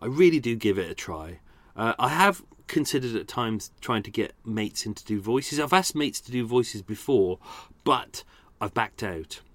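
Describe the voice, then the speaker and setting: This podcast host has a mid-range, fairly bright voice with lively intonation and a moderate pace, recorded with no room sound. Chatty and casual, he makes jokes at his own expense and laughs a lot.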